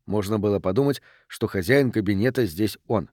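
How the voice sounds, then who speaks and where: A man narrating an audiobook in a measured, even reading style. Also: fairly low pitch, no room sound, studio quality. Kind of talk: scripted narration.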